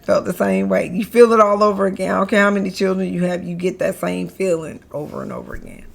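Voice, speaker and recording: Fast and creaky at a medium pitch with a level tone, a middle-aged mother who founded a business chats as an interview guest. The conversation is casual; she's playful, laughs a lot, and repeats words to stress them.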